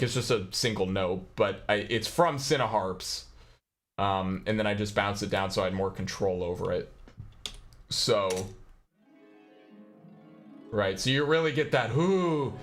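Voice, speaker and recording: A man's voice: lowish voice, fairly bright tone. Rambling young man explaining his music. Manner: rambling, filler-heavy explaining. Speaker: composer hosting a livestream. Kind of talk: casual live walkthrough.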